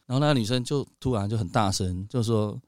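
A man's voice: on the low side, quick pace, a little mellow, dry recording, clean studio sound. A man with a Taiwanese Mandarin accent, a guest on a casual podcast, telling stories and acting out the lines people said. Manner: storytelling, acts out quotes in a raised voice.

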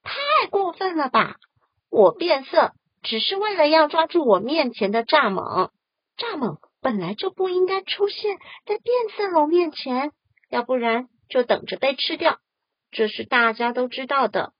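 Mom as a mad chameleon, real high and outraged, lo-fi muffled. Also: female voice, big pitch swings, measured pace, no room sound. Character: furious chameleon, shrill and outraged.

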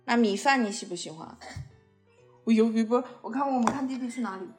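A woman's voice: a little high, a little fast, darkish tone, faint music behind. A woman hosting a podcast, chatting playfully with a small child in coaxing, sing-song questions. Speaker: podcast host. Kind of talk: playful chat with a young child.

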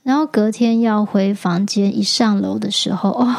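A woman hosting a podcast, telling a personal story in a casual, animated way and stammering as she relives the scare. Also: medium pitch, moderate pace, vocal fry. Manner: animated, stammers and repeats words when retelling fright. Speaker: podcast host.

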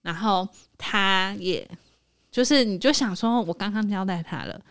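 A woman with a Taiwanese Mandarin accent, hosting a podcast and telling a story in casual chat, animated and laughing often. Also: medium pitch, unhurried, clean tone. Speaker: podcast host.

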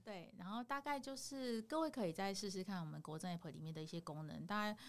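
A woman's voice: mid-range voice, fast talker. Taiwanese Mandarin woman explaining things conversationally. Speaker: podcast guest, product owner at a securities company. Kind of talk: conversational product explanation in a podcast interview.

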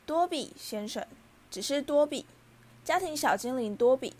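Woman doing a shrill servile house-elf. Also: animated, unhurried, darkish tone. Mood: eager. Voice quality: high and shrill. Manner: humble, keeps saying sir. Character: small servile male house-elf, tearful and excitable. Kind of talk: storybook reading.

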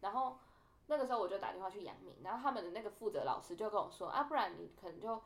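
In a casual podcast chat, a young woman co-hosting the show tells a story at a racing pace. Her medium-pitched voice is animated, and she acts out the quoted dialogue with lots of energy.

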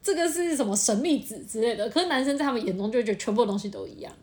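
A young woman with a Taiwanese Mandarin accent, co-hosting a podcast. She chats casually and candidly and reacts quickly. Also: fairly high pitch, animated, a little mellow. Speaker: podcast co-host. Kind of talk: casual chat.

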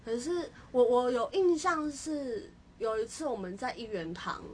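A woman's voice: a little high, animated, a little slow, a little hiss or hum. A young woman co-hosting a podcast, talking reflectively and hesitantly in casual chat. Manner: reflective, hesitant, with frequent restarts. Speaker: podcast co-host.

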